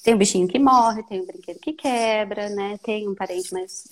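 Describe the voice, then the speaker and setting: A woman in her thirties speaking gently and thoughtfully in a reflective conversation, with many soft fillers. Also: medium pitch, moderate pace.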